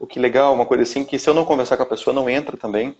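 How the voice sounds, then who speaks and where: Rapid-fire and a bit mellow yet gravelly, a Brazilian vocal coach in his thirties speaks in a mid-range voice during a casual live interview over video call. He rambles in Brazilian Portuguese, restarting often and dropping "né?" tags, through muffled lo-fi stream audio.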